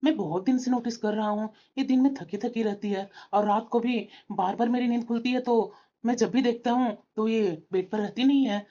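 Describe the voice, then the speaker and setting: A woman's voice: on the high side, steady tone, fairly quick, dark tone, voice pushed down, lightly acted. A woman voicing an impatient young husband in a cartoon, who keeps asking questions. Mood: suspicious. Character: young husband, tired and suspicious of his wife. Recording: dull lo-fi audio with faint music.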